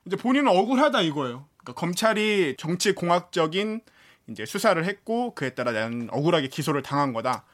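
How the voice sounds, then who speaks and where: A male reporter hosts a casual studio chat. His voice sits high for a man and moves with lively, swinging intonation. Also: fast talker. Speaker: reporter and stand-in host.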